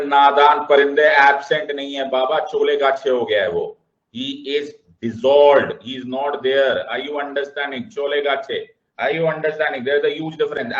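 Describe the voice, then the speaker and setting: Moving between Hindi and English, a man with a medium-pitched voice teaches an animated lecture and keeps asking whether the class understands. The classroom sound is roomy and dull.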